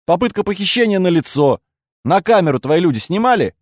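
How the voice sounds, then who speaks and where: A man's voice: high-pitched, sing-song, fairly quick, no room sound, clean studio sound, voice pushed up. A man doing a wry, offhand young mage. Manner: conciliatory, offhand.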